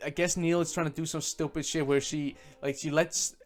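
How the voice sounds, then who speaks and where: Male vlogger, slightly high voice, sarcastic and profane, casual rant over faint guitar music. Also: level tone, normal speed. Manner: sarcastic, profane, many fillers. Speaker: game reviewer. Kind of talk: casual ranting review.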